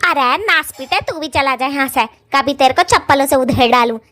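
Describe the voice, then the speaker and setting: A woman voicing a hot-tempered old witch mother-in-law in a cartoon, who scolds in shrill cursing tirades. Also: normal speed, a bit bright. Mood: furious. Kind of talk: cartoon voice acting.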